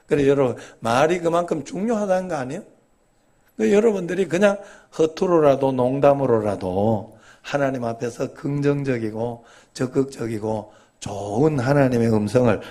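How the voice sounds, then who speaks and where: A male pastor giving a sermon in a conversational, folksy way, telling humorous stories and prompting his congregation with quick rhetorical questions. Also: medium pitch, dark tone.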